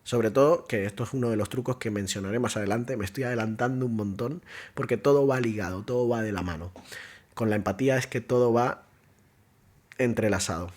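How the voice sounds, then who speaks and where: A man's voice: medium pitch, brisk, a little mellow. A man teaching an online course lesson as a contact center trainer, explaining step by step, acting out short agent lines and asking rhetorical questions.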